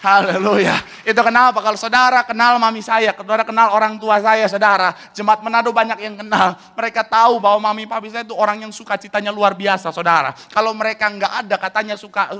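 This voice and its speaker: A male pastor preaching to his church in a high, bright voice. He tells stories with animation, keeps calling out to his listeners, and now and then breaks into shouts. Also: fast, hardly any pauses. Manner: addresses congregation as "saudara" constantly, lively storytelling, sudden shouts. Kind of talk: sermon. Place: church service.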